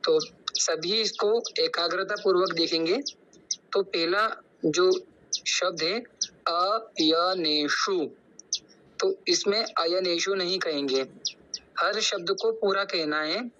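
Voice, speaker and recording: Slow, bright-voiced young man teaching pronunciation. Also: sits high, lo-fi sound. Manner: slow, drawn-out syllables repeated for practice. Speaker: student explaining Sanskrit pronunciation.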